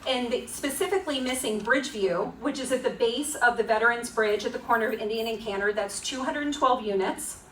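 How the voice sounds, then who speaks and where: A woman's voice: a little high, fairly quick. A woman with a Florida accent giving an informal, explanatory presentation at a community meeting, with a conversational, wryly critical manner. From Florida, United States. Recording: echoey room, distant mic, faint noise.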